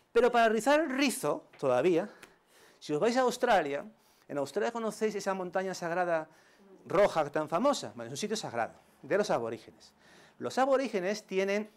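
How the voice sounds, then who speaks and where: A middle-aged male schoolteacher giving a conference talk, animated and full of joking examples. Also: high voice. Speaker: primary school teacher. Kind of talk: conference presentation.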